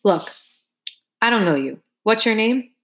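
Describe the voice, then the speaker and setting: A woman's voice: on the high side, lively intonation, a little slow, fairly bright tone, pitched above the performer's own voice. A woman voicing a brash, pushy male track coach in an audiobook, firing off persuasive questions. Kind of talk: audiobook character voice.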